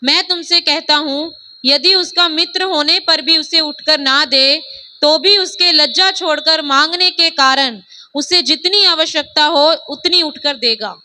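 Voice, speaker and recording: High, bright-voiced woman reading scripture. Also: measured pace. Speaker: scripture reader. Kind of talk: reading scripture aloud in church.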